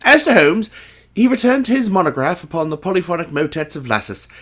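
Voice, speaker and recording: Man as genteel victorian english doctor telling the story, lively swoopy voice, kinda high, formal radio play. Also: full character voice. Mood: satisfied, reflective. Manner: measured, literary, formal. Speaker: narrator.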